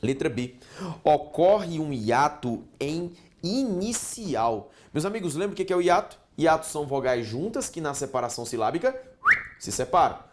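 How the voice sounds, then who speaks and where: A man's voice: on the high side, fast talker. A male teacher from Brazil leads an exam-prep grammar review for online students. He talks animatedly and turns to the listener again and again to check they are following. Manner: animated, addresses students directly with frequent check-ins. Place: online course studio.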